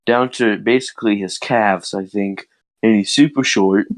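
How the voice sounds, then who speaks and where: A man's voice: on the low side, fairly even intonation, unhurried, no echo, low-quality recording. Teen guy rambling, cracking voice, dry. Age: teens. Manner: rambling storytelling with laughs and swearing; voice cracks often. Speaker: podcast co-host. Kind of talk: casual chat.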